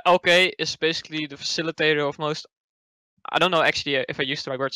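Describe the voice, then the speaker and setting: A man's voice: a little high, sharp tone, clean tone, no echo, rough recording. A man with a Dutch accent, a guest in casual online chat, hesitant with many fillers and restarts. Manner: hesitant, lots of fillers and restarts, laughs easily.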